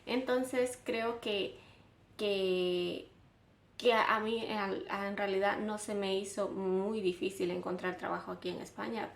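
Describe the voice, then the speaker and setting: A woman's voice: mid-range voice, creaky. A young woman from Honduras, chatting casually to camera in a vlog, with lots of fillers and restarts. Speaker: vlogger. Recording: roomy echo, faint background hum.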